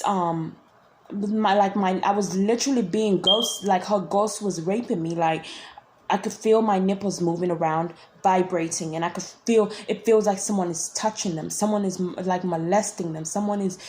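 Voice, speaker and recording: A woman's voice: mid-range voice, darkish tone. Woman vlogging her story, rambly, says like constantly, keeps restarting, mid voice, faint room hiss. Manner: rambling, heavy use of "like", frequent restarts. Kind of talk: casual first-person storytelling.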